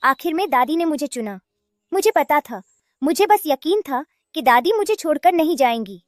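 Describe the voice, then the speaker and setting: A woman voicing a sweet, gentle and forgiving young girl in a dubbed cartoon, earnest in her pleading. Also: high voice, lively intonation, moderate pace, no echo, studio quality. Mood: reassuring.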